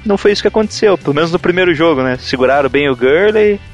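A man's voice: on the high side, lively intonation, racing, highs cut off. A man with a Brazilian Portuguese accent giving casual, conversational analysis of American football. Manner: informal, conversational. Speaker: sports talk panelist. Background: music.

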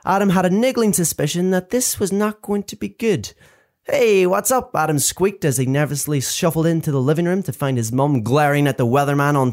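A man reading his own book aloud in lively, animated storytelling. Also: high-pitched. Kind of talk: expressive audiobook narration.

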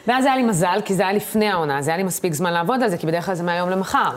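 A woman guest in a casual interview, an impressionist who tells animated stories and acts out the voices in them. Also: lowish voice.

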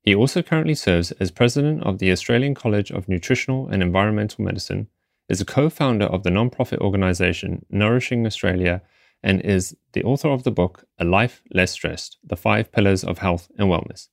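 This is a man hosting a podcast, introducing his guest and then asking questions in a friendly, conversational way. His voice is low and gravelly. It is recorded dry and close. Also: brisk, no room sound. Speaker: podcast host. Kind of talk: podcast interview.

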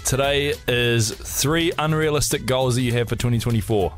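A man's voice: mid-range voice, normal speed, soft background music. A young man with a broad New Zealand accent, bantering casually as a radio guest in laid-back slang.

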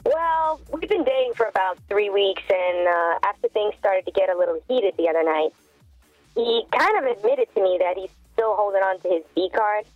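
A woman's voice: mid-range voice, animated, moderate pace, no echo. Woman, twenties, voice-changer disguise, hesitant caller, tinny phone line, faint music behind. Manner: hesitant, full of "I mean" and "you know".

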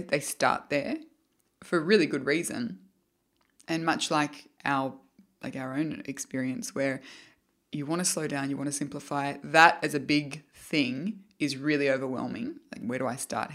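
A woman talks as a podcast host in a casual, chatty way. Her voice sits low for a woman. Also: a bit bright. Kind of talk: casual chat.

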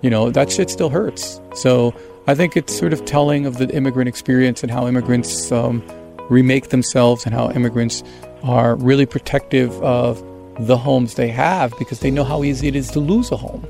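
A man in an interview, speaking thoughtfully and in a measured way. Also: medium pitch, steady tone, gravelly, dark tone, soft background music. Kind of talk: reflective interview.

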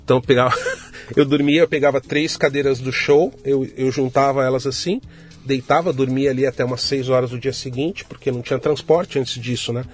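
A middle-aged man from Brazil, telling his story to an interviewer in a casual, lively way and acting out the voices of the people in it. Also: mid-range voice, a little fast, soft background music. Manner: lively anecdotal, acts out quoted dialogue. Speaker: guest entrepreneur.

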